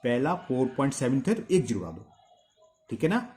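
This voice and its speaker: A man teaching a maths lesson, asking quick questions and answering them himself as he repeats each step. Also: mid-range voice, sing-song, darkish tone. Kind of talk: blackboard-style maths lesson.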